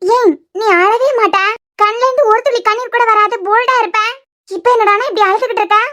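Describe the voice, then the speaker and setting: Cartoon friend: woman doing a blunt, protective young woman, Kanyakumari Tamil accent, scolding, very high voice. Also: brisk, pushed and bright. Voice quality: very high-pitched. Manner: scolding, incredulous. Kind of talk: cartoon serial voice acting.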